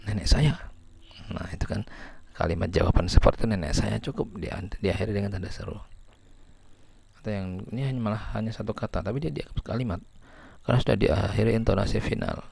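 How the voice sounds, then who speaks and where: Low gravelly male lecturer. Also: fast, a little mellow, a little hiss or hum. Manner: explains step by step, reading out example sentences. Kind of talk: lecture on syntax.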